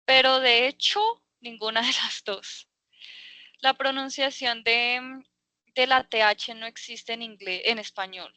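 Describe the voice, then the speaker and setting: Lady teaching english over a video call, talks slow, bright tone. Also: a little high, fairly even intonation, clear, resonant tone, dry recording. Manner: patient, explains slowly with many fillers. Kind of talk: online class.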